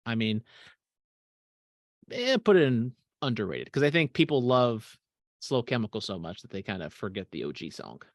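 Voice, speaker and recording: A man's voice: fairly low pitch, big pitch swings, normal speed, no echo, studio quality. A man co-hosting a podcast, chatting casually and swearing freely, often trailing off into mumbles. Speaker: podcast co-host. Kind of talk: casual chat.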